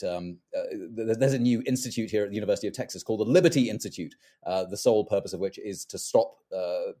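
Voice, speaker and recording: A middle-aged man from London, an author and activist, talking in an animated way with many restarts and stammers. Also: low voice. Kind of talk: interview conversation.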